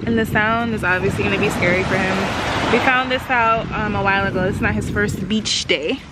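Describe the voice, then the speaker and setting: A woman's voice: mid-range voice, brisk. A young woman chatting to the camera as a vlogger and mother, talking to her baby along the way. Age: young adult. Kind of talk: casual vlog chat. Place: inside a car, then outdoors. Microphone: phone camera at arm's length. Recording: loud background noise.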